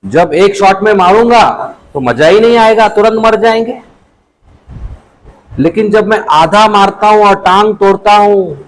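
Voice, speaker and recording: A man's voice: high-pitched, pitched above the performer's own voice, rough recording. A man voicing a boastful, cruel male hunter in a spoken religious story, brash and bragging.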